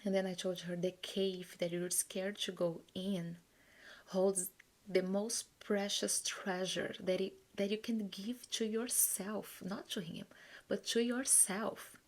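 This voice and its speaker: A woman coach leading a guided forgiveness visualization, earnest and encouraging, speaking in slow soft phrases that sometimes drop to a whisper. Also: medium pitch, level tone.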